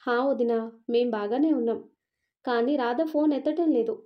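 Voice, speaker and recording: A woman's voice: on the high side, moderate pace, close to an everyday voice. A woman voicing a worried middle-aged mother-in-law in a storybook reading. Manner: worried, scolding. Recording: dull lo-fi recording.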